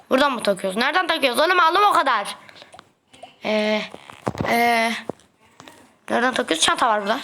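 A high, bright young woman chatters through a mobile game session with excitable, trash-talking energy. Her voice sits well above the usual range and rings sharp, with a faint hiss of background noise under it. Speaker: gaming video host. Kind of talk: casual mobile game commentary. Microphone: phone.

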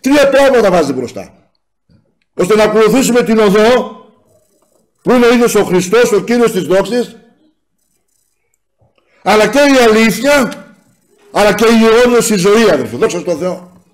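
Male preacher with a high voice, sermon with a personal testimony, keeps calling to the brethren. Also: animated, long pauses. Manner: addresses listeners as brothers and sisters.

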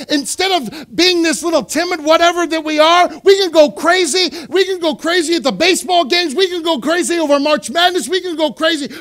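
A male pastor preaching a sermon in a church, repeating phrases for emphasis and swinging from quiet asides to loud exhortation. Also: very high-pitched. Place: church sanctuary.

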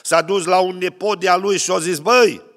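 A man's voice: sits high, level tone, a bit bright. A man preaching a sermon, telling stories and acting out the voices of people in them. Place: church hall. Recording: long church hall reverb.

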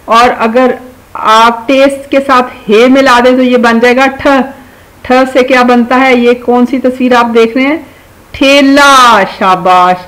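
A woman's voice: a little high, steady tone, rough recording. A woman teaching children a beginner Urdu lesson, spelling words out letter by letter and praising them as she goes. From Pakistan. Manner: drawn-out, slow spelling of words, warm coaxing praise.

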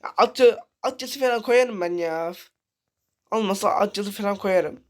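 A man's voice: sits high, a little slow. A man giving casual commentary over a horror game, reading and translating the characters' lines aloud and swearing freely. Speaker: gaming channel host.

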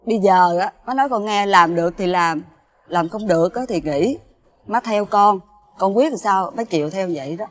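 An actress playing a worried mother who pleads with an angry man to calm down. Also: medium pitch, normal speed, in a large hall, lightly acted. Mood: gentle. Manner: pleading, placating.

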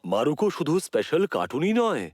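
A performer voicing a wry, teasing storyteller who narrates a children's cartoon dub over loud music. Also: mid-range voice, very animated, fairly quick, close to an everyday voice. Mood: matter-of-fact.

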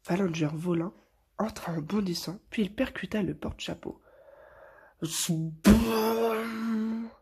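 A woman reading a picture book aloud to children in a soft, hushed storytelling voice. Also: lowish voice, normal speed, slightly rough.

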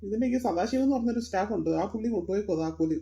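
Lady doing a cranky lazy zoo guy in a cartoon, husky, talks fast and grumbles. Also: mid-range voice, animated, mellow. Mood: grumbling. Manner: grumbling, peevish, stalling. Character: grumpy lazy male zoo worker, adult. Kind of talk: cartoon voice acting.

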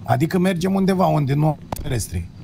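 A man's voice: fairly high pitch, expressive, creaky, very noisy. A man with a Romanian accent roleplaying a gang boss, menacing and mocking as he gives orders to his men. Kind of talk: in-character roleplay.

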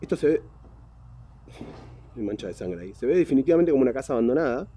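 A man's voice: medium pitch, sing-song, fast, breathy edge. Rioplatense man playing a horror game. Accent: Rioplatense Spanish. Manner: exclamatory, jumpy, talks to viewers. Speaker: VR gaming YouTuber. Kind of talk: let's play commentary. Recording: voice over loud game music.

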